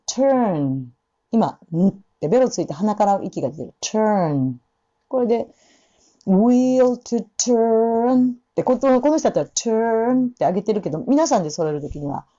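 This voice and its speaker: A woman teaching English pronunciation for singing. She uses a casual, chatty style, repeats words slowly and fills her talk with hesitations. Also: medium pitch, mellow, muffled recording. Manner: demonstrates sounds slowly, repeating words many times; many fillers, informal explaining. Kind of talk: casual spoken lesson with demonstrations.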